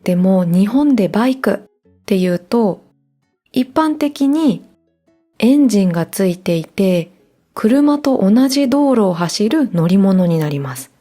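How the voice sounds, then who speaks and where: Gentle woman hosting a podcast. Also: medium pitch, animated, measured pace, faint music behind. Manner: clear, gentle explanatory delivery. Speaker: podcast host. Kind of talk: calm scripted podcast teaching Japanese.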